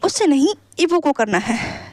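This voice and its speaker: A woman plays a scheming, playful young man who cajoles his friend in an easygoing way. The voice is high and close, with a dry sound. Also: big pitch swings, measured pace, no room sound. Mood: cajoling.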